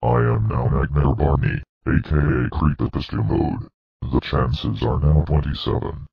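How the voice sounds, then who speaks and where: A synthetic male text-to-speech voice playing a demonic, menacing evil purple dinosaur, gloating and threatening in a slow, deliberate way. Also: very deep voice, expressive, vocal fry, breathy edge, full character voice. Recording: dull muffled lo-fi audio.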